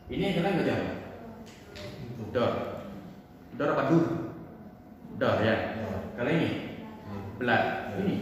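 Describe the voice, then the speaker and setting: A man's voice: mid-range voice, animated, unhurried, long pauses, noisy background. A man teaching a class in a conversational way, often asking the students questions. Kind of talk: classroom lesson. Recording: echoey room from far off.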